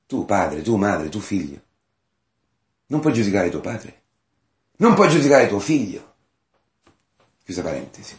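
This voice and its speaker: A man preaching a sermon in a church, animated, swinging between loud and hushed, putting questions to his listeners. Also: on the low side, roomy sound. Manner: addresses listeners directly with rhetorical questions.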